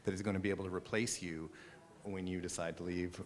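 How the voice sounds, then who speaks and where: Man, casual questioning, lowish voice, echoey room, faint noise. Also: level tone, fast. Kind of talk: meeting discussion.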